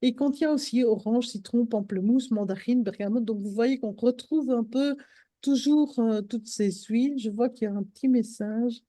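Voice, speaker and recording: Woman, casual live-stream chat, halting with fillers, slightly high voice, dry close sound. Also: mellow, dry recording. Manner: hesitant, many fillers and restarts. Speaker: host of a live stream on essential oils.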